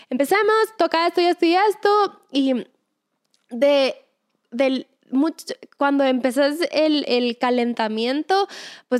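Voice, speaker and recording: A woman's voice: sits high, a little mellow. A young woman, telling a personal story in a chatty way, full of fillers and acted-out quotes, leading into a Bible reflection. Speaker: devotional speaker.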